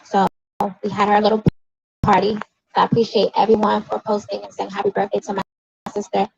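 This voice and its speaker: At a rainy outdoor rally, a grieving sister in her forties delivers an emotional protest speech that flares into angry accusations. Her medium-pitched voice is brisk and creaky with a completely flat delivery. The recording is dull and lo-fi, with slight background noise.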